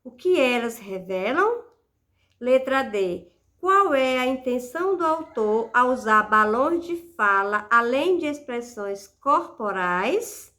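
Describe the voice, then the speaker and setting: A woman's voice: a little high, expressive, slow, bright, forceful tone. A woman teacher giving a lesson, speaking patiently and stretching out syllables as she sounds out words. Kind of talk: recorded classroom lesson.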